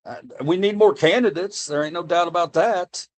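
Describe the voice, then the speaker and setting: Speaking into a streaming desk mic, this American streamer has a high-pitched voice and a normal pace. He addresses his viewers casually but with real passion, improvising, circling back and saying things twice.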